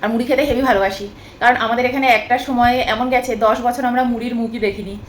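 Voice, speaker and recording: Fast-talking chatty woman in an echoey room. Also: fairly high pitch, fairly even intonation, a little hiss or hum. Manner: chatty, rambling, repeats herself. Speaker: vlogger. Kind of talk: casual chat to camera. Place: at home, sitting on the bed.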